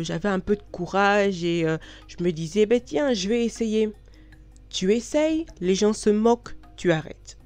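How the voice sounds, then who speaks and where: A woman's voice: on the low side, a little mellow. A woman from Belgium, vlogging in a frank, chatty way with many hesitations. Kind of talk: casual talk to camera.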